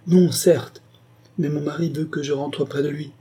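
A man voicing a scheming young governess who talks in a measured, pointed way, in an audiobook reading. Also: on the high side, steady tone, dark tone, slightly rough, pitched above the performer's own voice. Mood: insistent. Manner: measured, pointed, deliberately detaching words.

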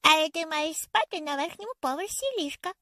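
A woman voicing a shy, earnest little girl in an audiobook, with a high, childlike and eager voice. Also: a little fast, sharp tone, no room sound, clean studio sound. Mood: serious.

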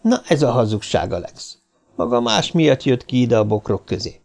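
A stern man questions a suspect, as a male narrator plays him. His voice stays quiet, flat and gravelly, accusing without heat. A storybook figure, cold and steady. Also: mid-range voice. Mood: cold accusation.

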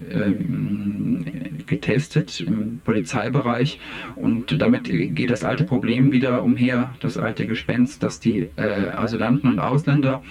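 A man playing an anonymous police union insider who speaks in a disguised deep voice, halting and full of hesitant fillers. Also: vocal fry. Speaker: police union member interviewed on radio. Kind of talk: satirical radio interview sketch.

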